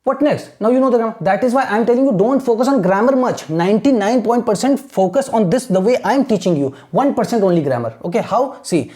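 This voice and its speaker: A woman teaching an exam-prep lesson, switching between quick Hindi and slow, deliberate English and often checking in with "ठीक है ना?". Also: on the high side, animated, mellow. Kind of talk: lecture mixing Hindi and English.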